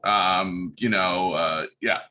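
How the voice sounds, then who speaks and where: A man's voice: deep voice, fairly even intonation, slow, sharp tone, heavily acted. A man playing a rambling sixties dad. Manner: rambling, full of fillers, giggly. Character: man stuck insisting it is the late sixties, a dad. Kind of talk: improv comedy scene.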